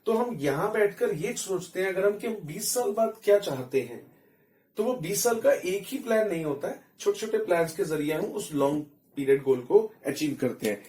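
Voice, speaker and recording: A man's voice: high-pitched, mellow, reverberant. A man with an Indian accent teaching economics step by step, mixing in English terms and checking that students follow. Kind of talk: explaining economics in a recorded lesson.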